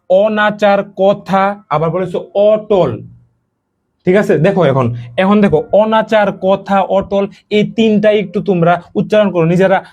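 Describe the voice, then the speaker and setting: A man's voice: sits high, darkish tone, lo-fi sound. Man teaching a class. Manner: explains step by step, repeats key words, addresses students directly. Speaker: admission coaching teacher. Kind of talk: online class lecture.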